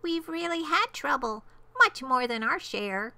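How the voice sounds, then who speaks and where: A woman's voice: high voice, sing-song, unhurried, gravelly, bright, forceful tone, dry recording, voice pushed up, heavily acted. A woman voicing a tiny, polite mayor of miniature people, with a small piping voice, in a rhyming storybook. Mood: plaintive, pleading.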